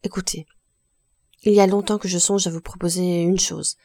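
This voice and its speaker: A woman's voice: on the low side, little pitch movement, warm tone, no room sound, studio quality, natural voice. Woman reading as a shy young blacksmith. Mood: hesitant. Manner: halting, hesitant.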